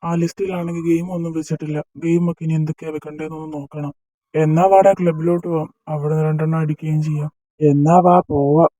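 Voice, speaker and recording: A man's voice: a little high, mellow, dry recording, natural voice, rough recording. Man voicing a teasing college senior. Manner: bantering, mock-scolding. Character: teasing young male college senior, joking with friends. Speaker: fan dub voice actor. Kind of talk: amateur dubbed romance drama.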